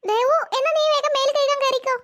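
Brief: a woman playing a bustling cartoon mum, very high-voiced, quick to scold. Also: flat delivery, a bit bright. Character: busy scolding mother of three. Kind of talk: cartoon voice acting.

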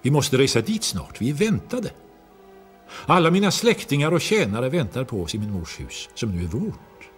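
A man reading a poem aloud and voicing a practical young wife who speaks up insistently over soft music. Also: low voice, very animated, vocal fry, few pauses, exaggerated voice. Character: young wife, eager, practical, bound to inheritance.

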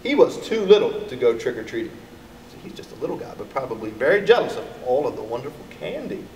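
With a sing-song, slightly mellow, medium-pitched voice, a fast-talking middle-aged American man reads a picture book to children, expressively addressing them directly. He is an elementary school educator reading to pupils, captured in an echoey recording from a distant mic with background noise.

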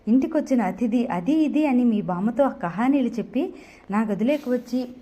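A woman's voice: fairly high pitch, lively intonation, normal speed, warm tone. A woman voicing an angry, proud young woman who snaps back, in a storybook reading. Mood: indignant. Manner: indignant, snapping.

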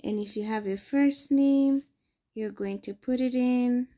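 A young adult woman from Ghana hosts a screen-recorded phone tutorial, patiently explaining every step. Her voice is a little high, mellow and unhurried.

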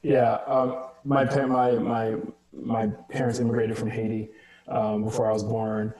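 A man's voice: fairly low pitch, little pitch movement, a little slow, a little mellow, rough recording. A middle-aged man moderates a video-call panel, conversational and searching for his words as he poses questions. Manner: conversational, searching, many fillers. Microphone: wired earbuds on a video call.

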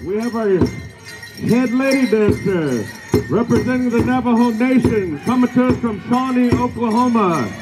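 Guy announcing a powwow on outdoor pa, ceremonial emcee style, loud music and bells going behind him. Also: very high-pitched, animated, moderate pace, low-quality recording. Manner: ceremonial, addresses dancers directly. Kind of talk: live event announcing over drumming and singing. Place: large outdoor grass arena, picked up by spectator camera. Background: loud powwow music, jingling bells.

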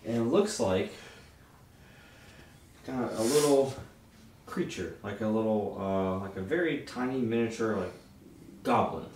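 A man narrating a tabletop game as game master, improvising in a halting way. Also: lowish voice, a little mellow. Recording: echoey, distant mic, faint noise.

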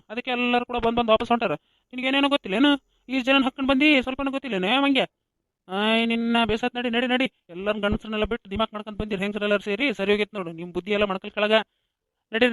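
A bossy, mocking village fellow from a comic cartoon, played by a man, sneering at the women. His voice is pitched very high and races along, smooth and crisp, on a dry close mic. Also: steady tone, rapid-fire, fairly bright tone, dry recording. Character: rude young man scolding the women.

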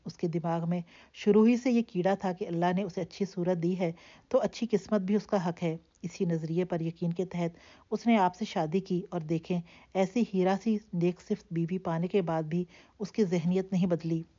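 A woman voicing an earnest, grateful middle-aged man who speaks in a heartfelt, measured way in a storybook reading. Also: fairly low pitch, fairly even intonation, warm tone, lightly acted. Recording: dull lo-fi recording.

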